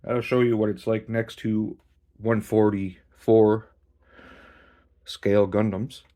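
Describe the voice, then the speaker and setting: Low-voiced man casually reviewing a model kit. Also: takes it slowly. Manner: relaxed, swears casually, talks while posing a figure. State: out of breath. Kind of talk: casual hands-on toy review.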